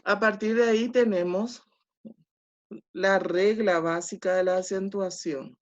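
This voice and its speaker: A woman teaching an online class, speaking slowly and deliberately and checking in with short questions. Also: mid-range voice, fairly even intonation. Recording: dull lo-fi online class audio.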